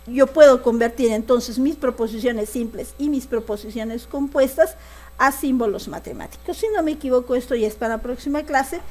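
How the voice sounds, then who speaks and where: A woman's voice: on the high side, normal speed, darkish tone. A woman teaching a secondary school logic lesson, often checking that the class follows. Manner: asks the class frequent check questions.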